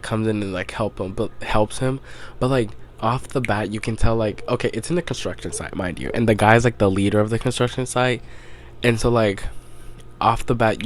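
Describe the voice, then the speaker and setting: Young male podcast host, low-pitched, rambling casual recap, filler-heavy. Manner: loose storytelling, heavy on "like", swearing.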